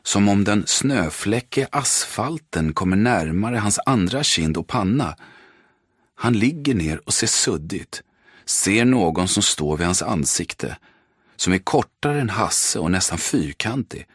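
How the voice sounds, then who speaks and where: A man narrating an audiobook in measured, terse, dramatic sentences. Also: lowish voice, animated, slightly rough, no room sound, studio quality. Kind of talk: scripted narration.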